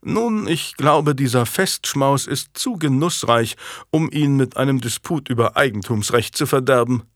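A man voicing a genial, self-assured young English king in an audiobook, speaking in a lively, smiling way. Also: mid-range voice, a little slow, dry recording, clean studio sound, close to an everyday voice. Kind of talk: audiobook character voice.

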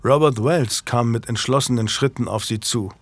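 A man narrating a historical audiobook in a measured, even way. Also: mid-range voice, husky. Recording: dry close studio, faint music.

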